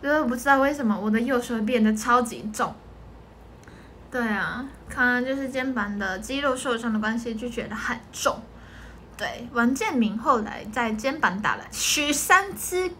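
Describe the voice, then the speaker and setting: Bright high-voiced Taiwanese young woman. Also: lively intonation, moderate pace, slight background noise. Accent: Taiwanese Mandarin. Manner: chatty, answers viewer comments, mimics clicking sounds, laughs often. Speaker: idol group member livestreaming. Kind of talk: casual livestream chat.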